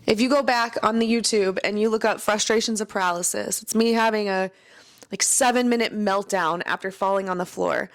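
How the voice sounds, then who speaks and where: A woman's voice: medium pitch, fairly even intonation, brisk. A woman who owns businesses and coaches others, talking earnestly and motivationally in a personal vlog.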